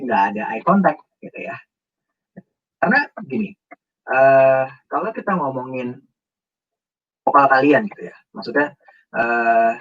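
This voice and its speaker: A man's voice: mid-range voice, husky, recorded from a distance, dull audio. A man speaking as a guest on a webinar, explaining job interview tips and acting out example phrasings. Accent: Indonesian. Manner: animated, acts out example phrasings.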